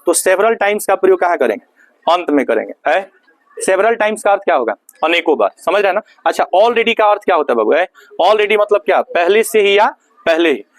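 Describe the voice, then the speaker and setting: A man's voice: high voice, very animated, moderate pace, no echo. A male Hindi-speaking teacher with a Bihari accent, giving a classroom grammar lesson, asking questions and answering them himself. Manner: asks questions and answers them himself, repeats key words.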